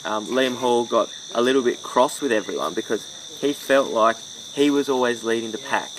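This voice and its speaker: A man telling trip stories in a halting, loose way. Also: mid-range voice. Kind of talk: casual recap talk. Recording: distant mic with background noise.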